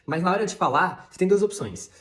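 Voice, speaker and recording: A man's voice: high-pitched, animated, quick pace, fairly bright tone, reverberant. A man with a Brazilian Portuguese accent teaching English pronunciation in a video lesson, answering criticism in an emphatic, argumentative way and drawing out his example words.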